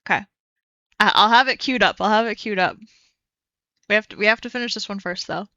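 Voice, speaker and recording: Bright, excitable young woman streamer. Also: medium pitch, a little fast, no echo, dull audio. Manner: excitable, swearing, chatty. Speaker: streamer host. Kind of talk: casual reaction stream chat.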